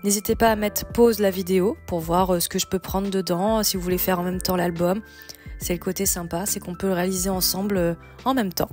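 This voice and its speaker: A woman's voice: fairly low pitch, steady tone, a little fast, a little mellow. A woman hosting a casual, chatty step-by-step craft tutorial, thinking aloud as she goes. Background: background music.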